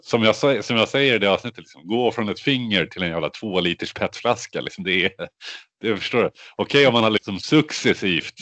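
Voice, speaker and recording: A man's voice: lowish voice, expressive, fairly bright tone, no echo. A man co-hosting a podcast, telling stories in a rambling way with lots of filler words. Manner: rambling, filler-heavy storytelling. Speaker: podcast co-host. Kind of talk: casual chat.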